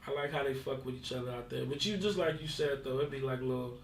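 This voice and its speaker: Laid-back slangy podcast host, roomy sound. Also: male voice, mid-range voice, distant mic. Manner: laid-back, slangy, agrees a lot with quick yeahs. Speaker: podcast host asking questions. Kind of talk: casual podcast interview.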